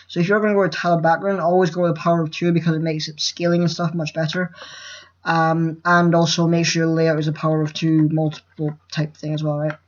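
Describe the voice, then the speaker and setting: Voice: mid-range voice, dull audio. A nervous first-time tutorial maker who rambles, trips over words and swears casually while explaining a screen recording. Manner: nervous, rambling and self-interrupting. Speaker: game-making tutorial host.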